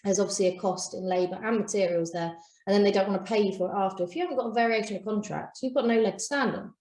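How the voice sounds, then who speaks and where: A woman's voice: mid-range voice, very fast, darkish tone. A woman co-hosting a business podcast, giving firm, practical advice. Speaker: podcast co-host. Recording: echoey room.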